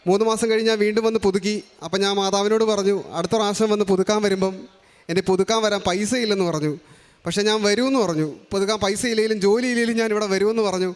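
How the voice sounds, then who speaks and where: A man's voice: sits high, fairly even intonation, very fast. A young man from Kerala giving an earnest personal faith testimony, framing each remark as a quote. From Kerala, India. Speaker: testimony giver at a shrine.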